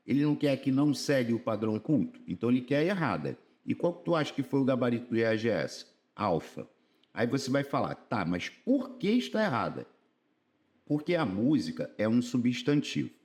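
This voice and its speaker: A man's voice: medium pitch, a little mellow. A man with a Brazilian Portuguese accent giving a casual exam-prep grammar lesson, speaking to viewers in a slangy, direct way.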